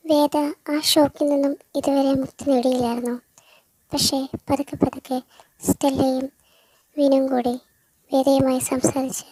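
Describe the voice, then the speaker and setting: High-voiced woman narrating a story. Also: warm tone, no room sound, low-quality recording.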